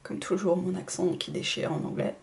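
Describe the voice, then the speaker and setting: A woman's voice: lowish voice, fairly even intonation, normal speed, gravelly. Chatty woman doing a makeup tutorial. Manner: chatty, self-deprecating, trails off into soft asides. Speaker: beauty vlogger. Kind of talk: casual makeup tutorial chat.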